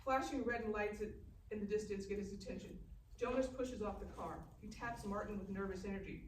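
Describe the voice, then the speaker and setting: Reading stage directions aloud, a woman voices the screenplay's action lines as narrator during a live table read held in a festival room. Her mid-range voice moves briskly. Faint noise, a distant mic and an echoey room color the sound.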